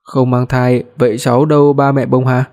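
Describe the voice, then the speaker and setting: Imagine a male storyteller voicing a stern older father who is gruff with his son. His voice is mellow and warm. He speaks plainly in a spoken family story. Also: mid-range voice, flat delivery, normal speed, natural voice.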